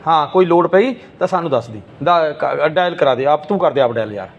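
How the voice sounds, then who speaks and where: A man's voice: a little high, animated, a little fast, dull audio. A man volunteering at a gurdwara, coaxing and reassuring a distressed young woman and repeating himself on a phone video. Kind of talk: consoling questioning on camera. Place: Sikh gurdwara.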